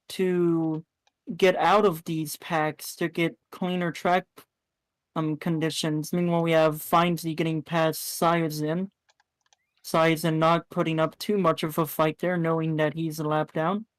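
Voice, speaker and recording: A woman's voice: fairly low pitch, dry recording. A woman commentating a live sim race in a chatty way, often correcting herself mid-sentence.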